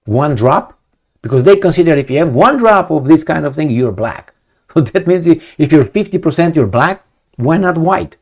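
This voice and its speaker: A man's voice: fairly high pitch, animated, normal speed, darkish tone. A man from Romania, giving a rambling opinion monologue to camera, full of rhetorical questions and repetition. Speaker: video commentator.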